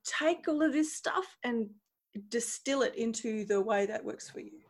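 A woman's voice: on the high side, normal speed. A woman in her forties co-hosting a podcast, chatting casually and teasing with emphatic, encouraging remarks. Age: 40s. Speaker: podcast co-host. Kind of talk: casual chat.

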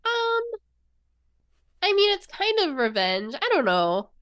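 A woman's voice: high-pitched, huge pitch swings, slow pace, a bit bright. A young woman co-hosting a podcast, retelling a book's plot in casual chat with a hesitant, giggly manner. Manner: hesitant, lots of filler, giggly. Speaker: podcast co-host. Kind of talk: casual book discussion.

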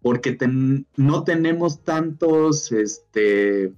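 A man's voice: mid-range voice, expressive, drawn-out words, darkish tone. A young Mexican man in casual chat as a podcast co-host, rambling and searching for words. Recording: dull lo-fi sound, faint music.

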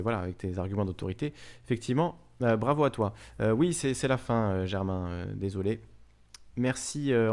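A man hosting a live stream, chatting casually and reading out viewer messages, speaking haltingly with many fillers and restarts. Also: fairly low pitch, darkish tone. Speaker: livestream host.

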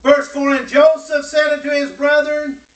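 A man teaching a Bible lesson, reading scripture aloud and adding slow, emphatic commentary with rhetorical questions. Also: extremely high pitch, level tone. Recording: roomy echo from a distant mic.

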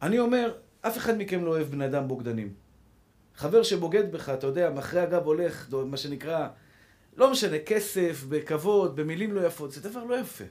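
A man's voice: on the high side, lively intonation, darkish tone. A man preaching a sermon as a rabbi, impassioned and repeating phrases for emphasis, calling his listeners brothers. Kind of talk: Torah sermon to a congregation.

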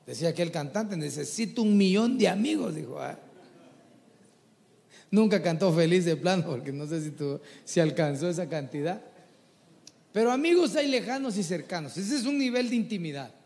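A man preaching a folksy, animated sermon to a church congregation. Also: high voice, moderate pace, gravelly, long reverb tail. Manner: animated, folksy, mimics people he talks about.

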